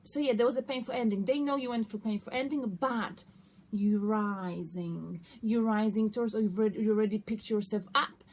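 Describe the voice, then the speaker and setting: A woman's voice: mid-range voice, fairly even intonation, fairly quick, darkish tone. A woman giving a casual, conversational tarot reading, often checking in with her listeners. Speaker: tarot card reader hosting an online reading. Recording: noticeable background noise.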